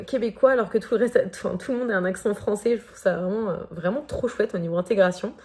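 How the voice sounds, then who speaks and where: A woman from France speaks with a French accent in a relaxed, chatty vlog. Her voice carries a gravelly fry at a middle pitch. She often pauses on fillers as she talks. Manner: chatty, hesitant with frequent fillers. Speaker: vlogger. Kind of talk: casual vlog chat.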